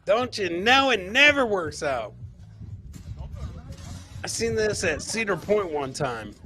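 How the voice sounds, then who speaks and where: In his forties, this American comedian hosts a live clip show, talking slowly in a high, sing-song voice with a bright, forceful edge while faint music plays behind him. His live-stream commentary is casual and exclamatory, and he keeps repeating his catchphrases. He's recorded close-up on a boom studio mic with a headset.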